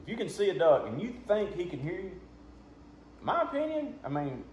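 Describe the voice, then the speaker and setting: A man's voice: sits high, wildly swooping pitch, normal speed, a little mellow. Folksy man, muffled roomy recording. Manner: folksy, plain-spoken. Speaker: duck calling instructor. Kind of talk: casual hands-on demonstration. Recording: muffled, roomy, with background noise.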